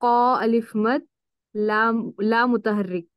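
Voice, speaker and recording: A woman's voice: on the high side, steady tone, takes it slowly, smooth, no room sound. A woman student reciting letters, hesitant and careful as she works them out. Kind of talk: reciting lessons aloud. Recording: dry, dull lo-fi sound.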